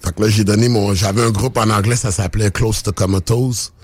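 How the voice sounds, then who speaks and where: Low-voiced Québécois man telling stories. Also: a little fast, slightly rough, dry recording. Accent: Québécois French. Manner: relaxed storytelling, mixing in English slang, frequent restarts. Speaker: rapper and podcast guest. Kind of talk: casual chat.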